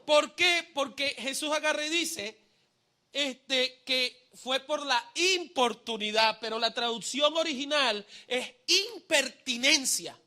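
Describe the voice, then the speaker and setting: A male pastor preaching a live sermon to a congregation, having them repeat phrases back and shouting the refrains, with humorous asides and sudden swings from hushed to loud. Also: very high voice, lively intonation, takes it slowly. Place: church service before a congregation.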